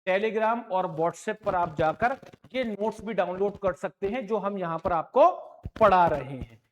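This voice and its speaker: Male maths tutor, slow and deliberate, patient and encouraging, repeats every step and slips English terms into his explanations. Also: high-pitched, lo-fi sound, slight background noise. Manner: encouraging, repeats points, calls students "my children". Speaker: maths teacher. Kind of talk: online classroom lesson.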